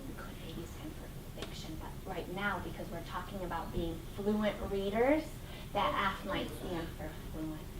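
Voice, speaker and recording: A woman teaching a reading lesson to young children as a kindergarten teacher, giving simple, animated instructions with drawn-out emphasis. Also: lowish voice. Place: classroom. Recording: echoey classroom, distant mic, clear noise.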